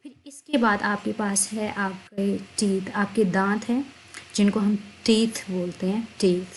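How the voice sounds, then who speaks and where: A woman teaching vocabulary, explaining each word in Hindi and repeating it slowly twice. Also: mid-range voice, steady tone, slight background noise, poor audio. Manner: slow, drawn-out spelling of words, repeats each word twice. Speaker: English teacher.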